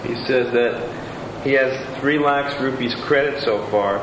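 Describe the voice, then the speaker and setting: A man with a medium-pitched, slightly slow voice reads letters and reviews aloud, plain and attentive, dropping in asides of his own. The room sounds roomy, and background noise is clearly audible.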